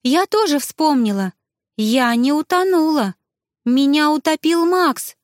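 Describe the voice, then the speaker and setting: Shrill, agitated ghost wife, high and loud, as the narrator puts her on. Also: unhurried, no room sound, clean studio sound. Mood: shocked. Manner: excited, exclaiming.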